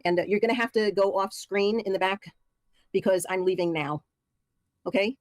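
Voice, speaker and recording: A woman's voice: mid-range voice, steady tone, moderate pace, no room sound. A middle-aged woman livestreamer, rambling and talking straight to her chat with many fillers as she signs off. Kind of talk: casual stream sign-off.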